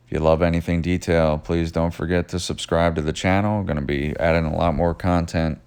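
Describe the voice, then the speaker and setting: Very low monotone man, gravelly. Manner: self-described monotone, many uh fillers. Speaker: detailing shop owner narrating. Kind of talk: voice-over narration of work footage.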